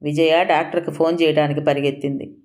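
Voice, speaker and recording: A woman narrating an audio story in an even, measured reading. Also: low-pitched.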